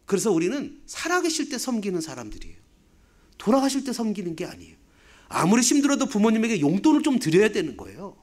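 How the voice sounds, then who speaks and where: A man in his fifties, a pastor, preaching a sermon with rhetorical questions and humorous asides. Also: very high-pitched. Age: 50s.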